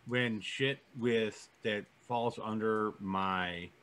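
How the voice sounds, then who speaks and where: A man's voice: fairly low pitch, steady tone, extremely slow, fairly bright tone. A man chatting casually as a player working through rules in a tabletop game. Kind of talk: casual chat.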